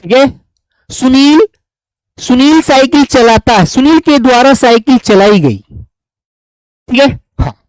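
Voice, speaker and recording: A man's voice: very high voice, lively intonation, slow pace, long pauses, dry recording, low-quality recording. A man teaching grammar to a class, patiently repeating examples and calling on students by name. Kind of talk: classroom lesson.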